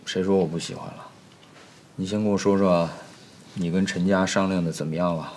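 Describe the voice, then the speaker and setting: An actor playing a flustered young master of a household in a comedic period TV drama, scolding and coaxing by turns in an exasperated way. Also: male voice, low-pitched, fairly even intonation, fairly quick, darkish tone, a little hiss or hum. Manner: exasperated, scolding, jumps between coaxing and alarm. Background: background music.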